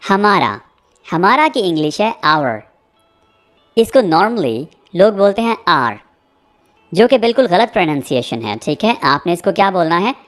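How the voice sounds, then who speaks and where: A man teaching a spoken English lesson. He repeats example sentences slowly and checks in often with "theek hai.". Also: sits high, sing-song, fairly bright tone, soft background music. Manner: explains with frequent "theek hai" check-ins.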